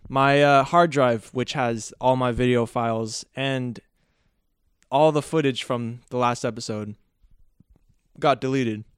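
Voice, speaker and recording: Male podcast host, smooth clear voice, dry close sound, jokey rambling delivery with self-corrections. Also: medium pitch, fairly even intonation, a little slow, no room sound. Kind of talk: casual solo podcast storytelling.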